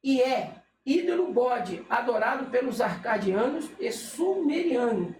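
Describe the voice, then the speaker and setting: With lively intonation and a slightly slow, mellow, medium-pitched delivery, a religious teacher reads casually from a list. They often check in with the listener and stop to correct themself, in an echoey room with faint noise.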